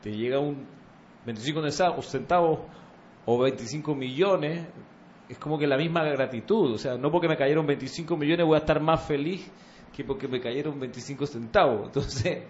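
A man's voice: fairly high pitch, moderate pace, a little mellow. A man in a casual conversation, telling a short story and reflecting on it. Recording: slightly dull audio with faint noise.

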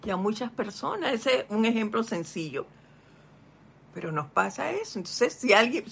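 An older teacher giving a spiritual lesson, speaking deliberately and reading a text aloud with commentary. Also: medium pitch, vocal fry, a bit bright, husky. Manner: slow, deliberate, stretches key words. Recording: dull lo-fi recording.

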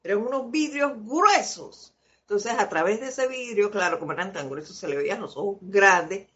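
A woman hosts a live spiritual session, teaching through personal stories at a slow pace and laughing frequently. Her mid-range voice is animated and fairly bright, though the recording's high frequencies are cut off.

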